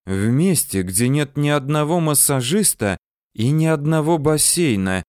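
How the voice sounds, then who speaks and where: A man voicing a brash, quick-tempered woman banker who talks back indignantly. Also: fairly high pitch, animated, darkish tone, dry recording, studio quality, pitched above the performer's own voice. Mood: fed up.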